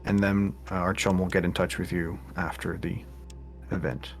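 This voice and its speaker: A man's voice: deep voice, flat delivery, normal speed, soft background music. A man co-hosting a game stream, reading charity rewards and joking casually.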